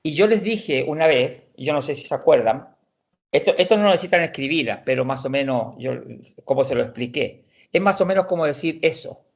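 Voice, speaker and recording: A Swedish teacher, a man with a slightly high voice, gives an expressive language lesson over an online call. He explains slowly, restarting and repeating words along the way. The sound is muffled and dull, typical of a video call.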